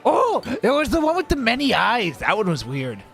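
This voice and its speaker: A man's voice: high-pitched, very animated, moderate pace, a bit bright, faint music behind, exaggerated voice. A man voicing a drunk, boastful male dwarf miner who rambles and overshares. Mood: rambling.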